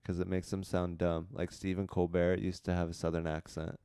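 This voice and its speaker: A man, a comedian guest on a podcast, chatting casually with deadpan, absurd jokes. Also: low-pitched, brisk, smooth, no echo, studio quality.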